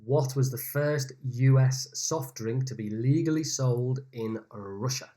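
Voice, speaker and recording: A man's voice: mid-range voice, a little slow, warm tone. Man hosting a video-call pub quiz. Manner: reads each question twice, with chatty asides. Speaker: quiz host.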